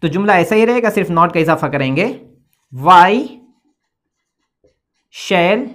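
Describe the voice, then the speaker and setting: A woman with a somewhat low voice teaches a grammar lesson at a board. She explains methodically, pausing after each step to check in, and spells words out letter by letter. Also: lively intonation. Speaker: English teacher. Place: indoor classroom with a board.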